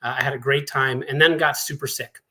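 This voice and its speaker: A man's voice: medium pitch, fairly even intonation, brisk, bright, forceful tone. A man in his forties from Montana hosting a conference session, with a friendly, chatty, self-deprecating manner. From Montana, USA. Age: 40s. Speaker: session host and panelist. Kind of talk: conference presentation.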